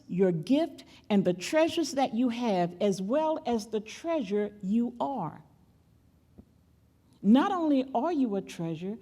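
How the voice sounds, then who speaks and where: A woman's voice: mid-range voice, warm tone. An older woman, a great-grandmother, preaching as guest speaker at a church, emphatic and repeating key phrases as she calls on the audience. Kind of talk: sermon.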